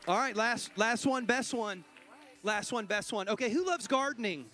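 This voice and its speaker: High-voiced pastor running a church raffle. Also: male voice, animated, normal speed, bright, forceful tone, soft background music. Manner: playful, joking with the congregation. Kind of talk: church service announcements and raffle. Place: church stage with a congregation.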